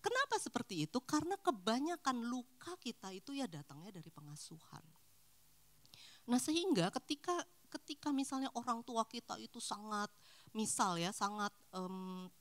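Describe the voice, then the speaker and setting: Speaking at normal speed to a church group of married couples, a middle-aged woman keeps things relaxed and chatty, her pitch rising and falling freely. She is animated and now and then acts out short bits of everyday dialogue in casual talk.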